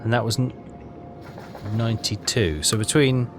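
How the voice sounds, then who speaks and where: Thinking aloud over game music, this man streams a laid-back walkthrough, grumbling quietly and asking himself questions. His voice is medium-pitched and animated, at a normal speed.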